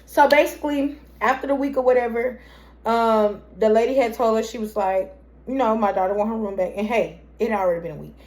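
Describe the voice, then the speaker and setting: A woman's voice: a little high, a little fast, a little mellow. A young woman telling a personal story in a casual, rambling way, often calling her viewers "y'all".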